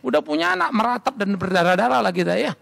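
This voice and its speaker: A middle-aged man preaches from the pulpit in a lively storytelling sermon. His voice sits high and is gravelly with heavy fry. He swoops up and down widely as he acts out voices in his stories. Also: quick pace. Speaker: pastor. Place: large church hall.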